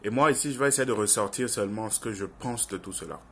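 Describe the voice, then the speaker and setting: A fast-talking young man with a fairly low pitch delivers a casual opinion piece to viewers, with slight background noise present. He speaks with a Francophone African accent. This online video commentator is earnest and insistent, repeating phrases for emphasis.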